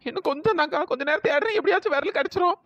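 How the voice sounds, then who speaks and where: Bossy young woman for a cartoon: high, pushy, scolding. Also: rapid-fire, fairly bright tone, muffled recording.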